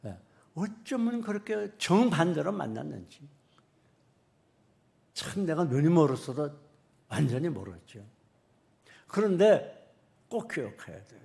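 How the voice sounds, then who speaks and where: A man's voice: on the high side, sing-song, unhurried, vocal fry, long pauses, a little mellow. A male pastor preaching a sermon in a conversational style full of rhetorical questions.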